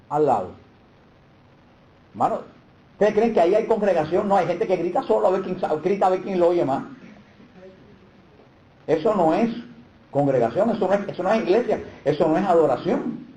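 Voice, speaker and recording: A man giving a catechism lecture with emphatic stresses and rhetorical questions. His voice sits a little high but has a dark, mellow tone. The room around him is echoey.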